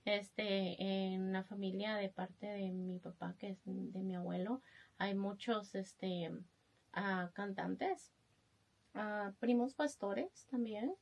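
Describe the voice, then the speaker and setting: A young woman from Guatemala with a Guatemalan Spanish accent, telling her story as a podcast guest, soft-spoken and hesitant, with many fillers. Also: medium pitch, fairly even intonation, slow, creaky. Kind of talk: testimony interview.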